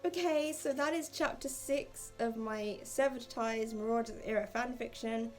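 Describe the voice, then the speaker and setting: A woman's voice: fairly high pitch, a little slow, faint music behind, rough recording. A woman in her twenties reading her old fan fiction aloud and commenting candidly, poking fun at her own writing. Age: 20s. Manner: candid, self-deprecating.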